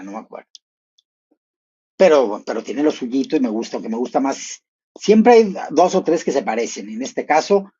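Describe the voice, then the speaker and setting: A man gives a playful, gossipy live commentary. He thinks out loud and breaks into sudden high exclamations. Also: slightly rough, dull audio.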